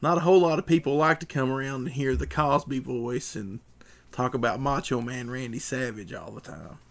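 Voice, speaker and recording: A man's voice: medium pitch, normal speed, vocal fry. A man hosting a casual livestream, reading out viewer messages in a laid-back way. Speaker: livestream host reading chat. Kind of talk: casual joking chat.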